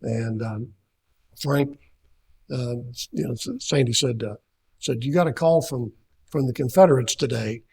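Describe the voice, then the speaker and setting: A man's voice: medium pitch, measured pace, vocal fry, pauses often, a little mellow, slightly rough. An older man from Kentucky giving a seminar talk, telling a rambling personal story full of fillers and restarts. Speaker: seminar speaker. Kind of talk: anecdotal talk.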